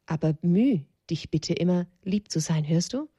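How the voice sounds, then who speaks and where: A woman voicing a gentle, caring animal mother in a children's storybook, speaking softly and soothingly. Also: on the low side, animated, normal speed, breathy edge, no room sound. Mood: tender. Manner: soft, soothing.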